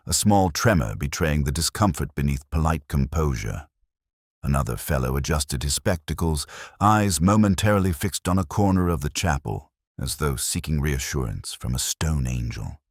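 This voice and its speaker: A man plays a contemplative detective inspector, recounting his case in the first person from a script, in a very low voice recorded dry and close. His delivery is formal and measured yet full of lively rises and falls, like a literary mystery story.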